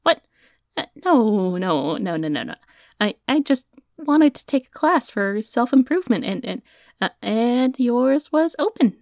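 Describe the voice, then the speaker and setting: A woman's voice: medium pitch, normal speed, no room sound, studio quality, natural voice. An actress playing an awkward, earnest young woman with magic, rambling and hesitant as she records herself in an audio drama. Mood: flustered. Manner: rambling, hesitant, stammering when flustered.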